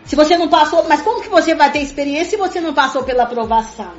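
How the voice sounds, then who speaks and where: Rapid-fire and emphatic, a high-pitched woman speaks about her faith in a conversational religious way. Her talk is repetitive, and she constantly turns to her listeners with "gente." Soft music runs underneath, and the room's reverb and muffled, dull quality color everything.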